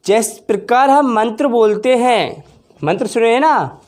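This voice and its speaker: A woman teacher giving a slow, careful exam-prep grammar lesson in Hindi, drawing out vowel sounds as examples and talking to viewers as friends. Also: on the high side, a little mellow. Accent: Hindi, from northern India. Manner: addresses viewers as friends, anticipates their questions.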